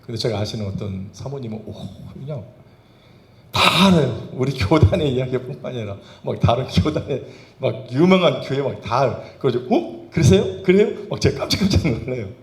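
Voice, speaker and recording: A man's voice: medium pitch, animated, a little fast. A male pastor preaching a Sunday sermon, firing rhetorical questions at the congregation with emphatic bursts. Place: church sanctuary. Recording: roomy church reverb.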